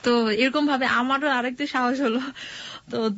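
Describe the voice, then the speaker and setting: A woman's voice: high voice, steady tone, moderate pace, a bit bright, dry recording. Young woman caller, Dhaka Bengali accent, rambling and repetitive, radio call-in sound, muffled and dry. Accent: Bangladeshi Bengali, Dhaka area. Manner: rambling, repeats phrases, acts out quoted dialogue. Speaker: caller telling her life story. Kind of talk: casual personal storytelling on radio. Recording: dull lo-fi radio broadcast audio.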